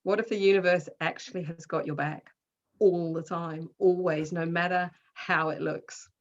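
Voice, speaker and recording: A woman with a New Zealand accent, a guest speaking slowly and gently about spiritual ideas over a recorded call. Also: fairly low pitch, fairly even intonation, dull audio. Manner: slow, gentle, spiritual musing. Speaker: guest, author and colour healer. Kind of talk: reflective conversation on a call.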